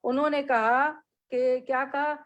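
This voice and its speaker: A woman with a fairly high voice teaches a classroom lesson. She reads short Arabic phrases slowly, then explains and drills them patiently, repeating words for her students. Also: fairly even intonation, highs cut off. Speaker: Islamic studies teacher.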